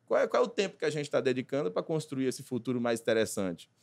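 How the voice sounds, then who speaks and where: A man, a consultant talking as a podcast guest, animated and acting out little dialogues. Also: medium pitch, quick pace, gravelly. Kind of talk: casual podcast conversation.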